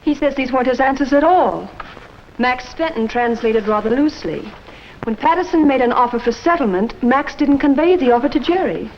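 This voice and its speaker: A woman's voice: high voice, animated, a little fast, highs cut off, a little hiss or hum. An actress playing an earnest woman who speaks plainly as a witness and interpreter, in a 1950s TV drama.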